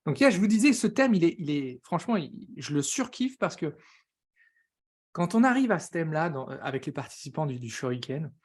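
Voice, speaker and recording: Man, french accent, rapid excitable delivery, live-stream coach, slangy. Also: fairly high pitch, husky. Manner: fast, excitable, greets viewers by name, slangy. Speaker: business coach hosting a live session.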